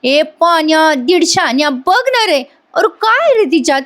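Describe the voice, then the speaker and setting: A woman's voice: extremely high pitch, very animated, unhurried, a bit bright, pitched above the performer's own voice, full character voice. A woman voicing a brash, jealous young woman who taunts and bosses a young mechanic. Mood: taunting. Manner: taunting, teasing and bossy.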